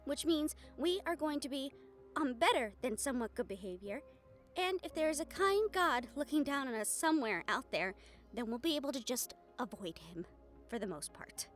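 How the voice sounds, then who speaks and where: In an intimate audio drama, a woman voices a young fiancée who is guarded and protective, speaking with earnest emphasis and deliberate pauses. Her voice sits high and animated, the mood firm and resolute, with faint music in the background.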